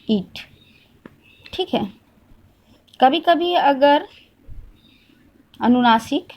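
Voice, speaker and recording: A fairly high-voiced woman teaches a grammar lesson step by step. She keeps asking questions and answering them herself, and she repeats each point slowly so it sinks in. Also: a little mellow.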